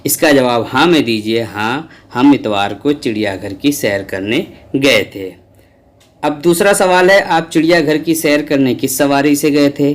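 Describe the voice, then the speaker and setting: A man teaching a school Urdu lesson, reciting a children's poem and then explaining the exercises patiently. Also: medium pitch.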